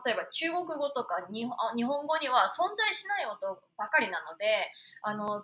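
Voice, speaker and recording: A young woman from Japan, a singer chatting casually on her live stream, animated and quick to laugh. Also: fairly high pitch.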